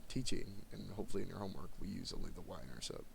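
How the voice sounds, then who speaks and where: A tired man teaching math to his students in a recorded lesson, speaking in a monotone and addressing the class directly. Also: low-pitched, racing, vocal fry, slight background noise.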